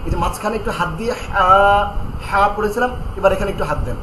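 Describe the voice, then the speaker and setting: Speaking in a high-pitched voice, a man leads an online Quran pronunciation class, repeating each letter sound slowly. He calmly walks through tongue placement step by step, and the roomy recording carries background noise.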